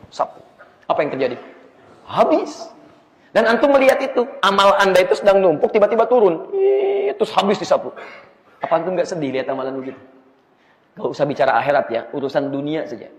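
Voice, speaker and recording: A man preaching an Islamic study sermon, asking the audience rhetorical questions in a lively way. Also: a little high. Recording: echoey hall, slightly dull sound.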